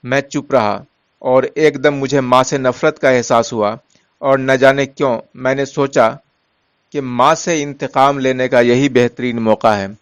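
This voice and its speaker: Measured male storyteller, dry close voice. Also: medium pitch, steady tone, clean tone, no room sound. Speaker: narrator. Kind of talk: scripted story narration.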